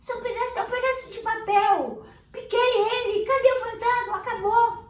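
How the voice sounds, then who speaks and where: A woman playing a stern, blunt father in a storybook. He scolds loudly and firmly. The voice rings in an echoey room, away from the mic. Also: extremely high pitch, fairly even intonation, brisk, far from the mic, voice pushed up. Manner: firm, scolding.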